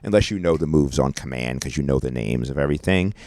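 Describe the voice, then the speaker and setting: A man's voice: extremely low pitch, lively intonation, fast talker, darkish tone, no room sound. A man co-hosting a relationship podcast, talking casually in a rambling, affectionate way and laughing often, in a radio studio. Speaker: podcast co-host. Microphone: studio mic.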